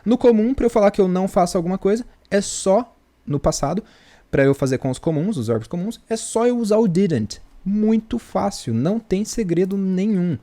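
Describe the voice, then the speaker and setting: A man's voice: high-pitched, lively intonation, normal speed, mellow. A man with a Brazilian Portuguese accent, teaching an English grammar lesson in a chatty way and asking rhetorical questions. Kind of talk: casual video lesson.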